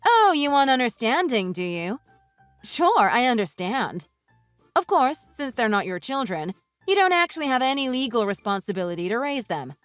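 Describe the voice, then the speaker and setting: A woman voicing a furious wife who mocks and cuts into her in-laws with sarcasm, over soft music. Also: a little high, big pitch swings, normal speed, no echo. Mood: sarcastic. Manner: sarcastic, cutting, mocking. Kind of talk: read-aloud text-message story. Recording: dry voice with soft music underneath.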